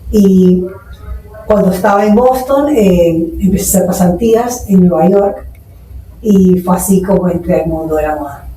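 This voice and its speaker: A Nicaraguan entrepreneur in her forties shares her story earnestly as a podcast guest, slipping English terms into her anecdotes. Her voice is fairly low and dark, at normal speed, and the distant mic picks up an echoey room.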